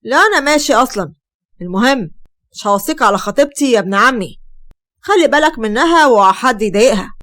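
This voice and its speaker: A woman's voice: a little high, animated, quick pace, a bit bright. A woman with an Egyptian Arabic accent voicing a scheming, controlling young man. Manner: controlling, sly.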